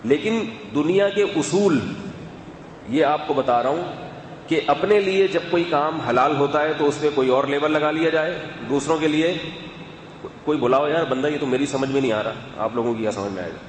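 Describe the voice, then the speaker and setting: A man giving a sermon in a calm, conversational, explanatory way, with asides to his listeners. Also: fairly high pitch. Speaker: religious scholar. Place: mosque or hall with loudspeaker system. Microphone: loudspeaker microphone. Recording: echoey hall, faint background noise.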